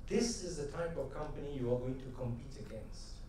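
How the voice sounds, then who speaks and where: On a conference stage, a middle-aged man delivers a keynote full of anecdotes, telling stories animatedly, gesturing, and throwing rhetorical questions at the audience. His mid-range voice is mellow, dark, and brisk, picked up by a headset mic. The hall is very echoey, he sounds slightly distant from the mic, and there's faint noise underneath.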